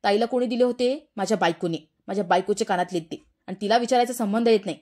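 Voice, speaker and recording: A woman's voice: mid-range voice, fast, darkish tone, lightly acted. A woman reading the part of a worried, stern middle-aged village father, scolding and pleading by turns in a serial recap. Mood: angry.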